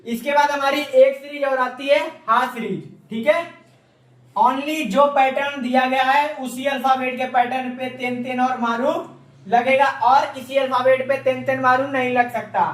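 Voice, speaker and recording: A man's voice: very high-pitched, a bit bright. A man teaching an online class, often asking a question and then answering it himself for learners to repeat. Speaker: Japanese language teacher. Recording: echoey room, mic far off.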